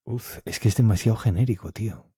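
A man's voice: on the low side, quick pace, dark tone, slightly rough. A man in his thirties with a Spanish accent from Spain, co-hosting a casual podcast, joking and swearing casually. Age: 30s. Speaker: podcast co-host.

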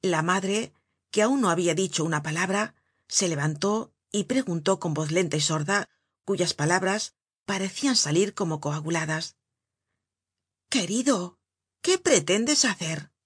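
A woman narrates a novel in a measured, even audiobook reading. Her voice is low and husky, and the sound is close and completely dry. Nothing else is heard behind her. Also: dry recording.

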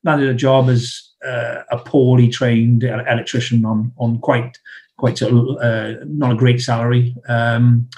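A former Royal Marine from South Wales speaks as a guest on a video-call interview, his medium-pitched voice flat, unhurried, and darkish. He has a South Welsh accent and a slight cough, and he's hesitant, full of restarts and fillers.

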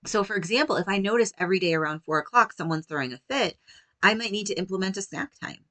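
A woman in her thirties explains parenting in a gentle, measured voice. Her pitch sits in the middle range and she sounds steady and reassuring. The recording is close and dry, with no room echo. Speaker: parenting teacher. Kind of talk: calm instructional talk.

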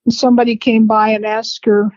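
A woman in her seventies telling family memories in a rambling, unhurried way with laughs between stories. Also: on the high side, level tone, a little mellow, no room sound. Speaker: interviewee, family matriarch. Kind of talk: reminiscing conversation. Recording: dry, slightly dull lo-fi sound.

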